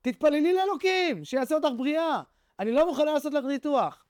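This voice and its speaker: Man doing a woman doctor, stern, scolding, insistent, high-pitched, dry sound. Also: lively intonation, darkish tone, no echo. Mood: urging.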